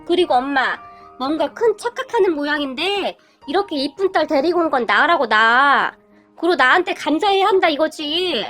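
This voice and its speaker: A woman voicing a boastful young husband who protests loudly. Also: high-pitched, expressive, moderate pace, faint music behind.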